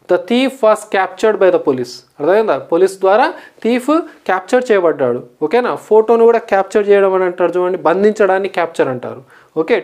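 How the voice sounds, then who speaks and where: In a recorded vocabulary lesson, a woman teacher with a Telugu accent explains English words slowly, spells them letter by letter and keeps making sure the class follows. Her voice is medium-pitched and slightly mellow.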